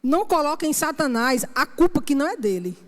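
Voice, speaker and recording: A woman's voice: sits high, very animated, brisk. A woman minister from Brazil, preaching an emphatic sermon and often asking the congregation "Amém?". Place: church sanctuary. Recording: long church-hall reverb.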